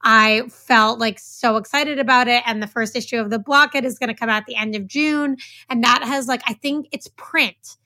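A woman's voice: a little high, steady tone, moderate pace, hardly any pauses, pushed and bright, no echo. An enthusiastic woman from California co-hosting a podcast, chatting casually with lots of "like". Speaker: podcast co-host.

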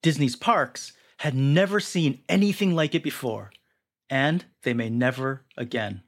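A young man with a mid-range voice reads scripted documentary narration at an unhurried pace, giving it a dramatic storytelling delivery. He is narrating a feature article, with a music bed running under his voice.

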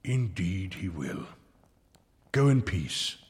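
A wry, kindly friar, echoing hall. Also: male voice, low-pitched, very animated, heavily acted. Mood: solemn, compassionate. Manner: measured, pastoral, gently ironic. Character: kindly, wry medieval friar, gently reproving. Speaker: actor in an audio drama. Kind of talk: dramatic audio drama acting. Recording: long reverberant hall.

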